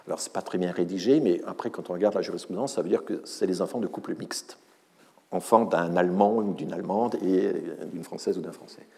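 A man's voice: low voice, brisk, dark tone, big-room sound. A man giving a university lecture, hesitant, with many fillers, restarts and wry asides. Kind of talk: academic lecture.

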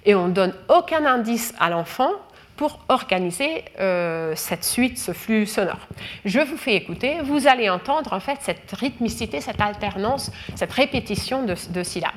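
A woman's voice: medium pitch, expressive, moderate pace. A woman giving a lecture, explaining carefully with frequent fillers and restarts. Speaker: researcher lecturing.

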